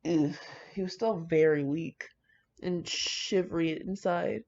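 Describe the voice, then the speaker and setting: With a slow, somewhat low, slightly mellow voice, a woman reads fan fiction aloud for a video and reacts to it. She's casual, brash, full of slang, and dramatic, and the recording sounds dull and lo-fi.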